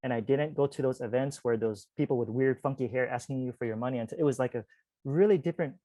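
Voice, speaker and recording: Recorded dry, a mid-range male voice moves fast through a personal anecdote. The speaker, a spiritual teacher in his forties appearing on a podcast, keeps it chatty and lively, frequently breaking off to say "like" or address "you guys" listening.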